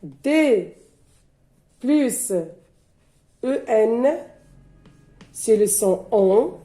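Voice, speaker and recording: Woman teacher, mellow and somewhat high voice, spells out sounds at a very slow pace. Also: expressive. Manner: spells letters one by one and repeats each sound. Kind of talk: slow syllable-by-syllable reading lesson.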